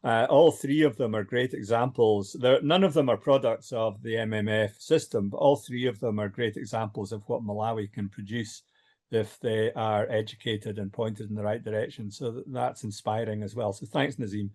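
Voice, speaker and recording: A man's voice: on the low side, steady tone, normal speed, a little mellow. An older man chairing an online meeting, hesitant with many fillers.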